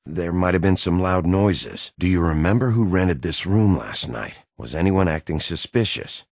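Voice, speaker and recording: An actor playing a gruff, brooding wolf detective in a video game, with a gravelly, husky low voice and a terse, dry delivery. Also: male voice, animated, moderate pace, a little mellow, no echo. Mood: insistent, firm. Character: gruff, brooding big bad wolf detective, adult man, dogged. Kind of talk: video game dialogue acting.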